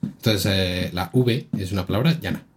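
A man's voice: sits low, normal speed, slight background noise. A man from Castile with a Castilian Spanish accent, a podcast co-host explaining things confidently in casual chat. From Castile, Spain.

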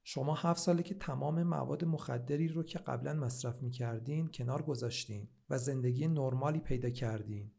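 A calm clinic psychiatrist who asks measured, patient questions, read by a man. The voice is gravelly and creaky, at a middle pitch. It is told like a storybook. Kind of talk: storybook reading.

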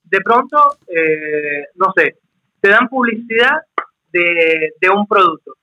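A Cuban man with a high, piercingly bright voice who explains things in an easy, conversational way. His tone is sharp and forward. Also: animated, slow pace, rough recording. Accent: Cuban Spanish. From Cuba. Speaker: YouTuber guest. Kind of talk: casual chat.

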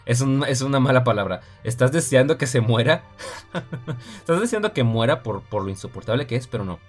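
A man with a Mexican accent hosting a casual film review podcast, talking chattily and often addressing his listeners directly. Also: medium pitch. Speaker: podcast host.

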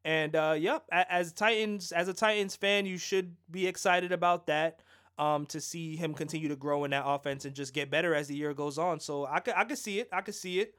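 A man's voice: on the high side, fairly quick, fairly bright tone. A man co-hosting a casual fantasy football show, joking and teasing his partner in a loose, chatty way. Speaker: fantasy football podcast co-host. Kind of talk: casual sports chat.

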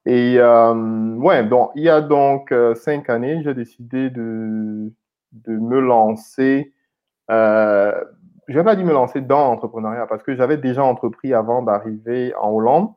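A man's voice: medium pitch, unhurried. Hesitant man from Cameroon, dull lo-fi sound. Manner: hesitant, many repeated words and fillers. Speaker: guest, IT consultant and founder. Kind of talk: casual interview conversation. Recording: slightly dull lo-fi audio.

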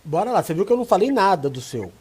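A man's voice: high voice, very fast, breathy edge. A man, a pastor, giving relationship advice in a casual chat and acting out the people he quotes. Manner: animated, acts out quoted voices. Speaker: pastor and co-host.

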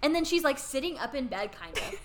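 A woman's voice: sits high, big pitch swings, fairly quick. A young woman casually telling a funny story, laughing often and acting out what people said. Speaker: storyteller guest. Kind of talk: casual chat.

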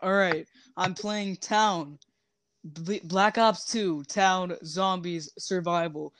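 A man chatting casually while playing a zombie game, joking and rambling, often trailing off softly. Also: sits high, steady tone, slow pace, slight background noise. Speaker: gamer streaming zombie survival. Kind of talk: casual gaming chat.

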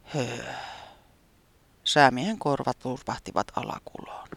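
Storybook narrator, gentle, expressive, lively pitch, close dry sound. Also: no room sound. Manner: gentle, expressive, sometimes whispery. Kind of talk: reading a children's story aloud.

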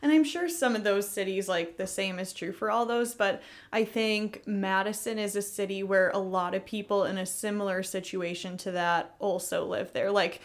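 Host: woman, middle-pitched, relaxed conversational storyteller who acts out quotes. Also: normal speed, hardly any pauses. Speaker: podcast host. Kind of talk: casual chat.

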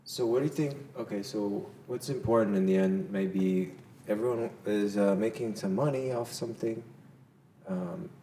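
Lowish-voiced man host in an echoey room. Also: normal speed, dark tone, slight background noise. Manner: playful, repeats "blah, blah" to make points. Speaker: podcast host. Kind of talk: casual conversation.

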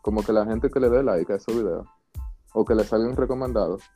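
A man's voice: fairly low pitch, a little fast, warm tone, soft background music. A young man with a Dominican accent chatting casually, offering slangy, tentative opinions. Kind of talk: casual chat.

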